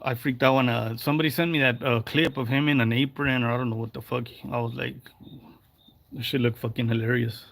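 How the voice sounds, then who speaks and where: A man's voice: medium pitch, steady tone, a little fast, vocal fry, fairly bright tone, no room sound. A man in his forties ranting on a livestream, heated and profane, slipping in Spanish phrases. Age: 40s. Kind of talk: angry livestream rant.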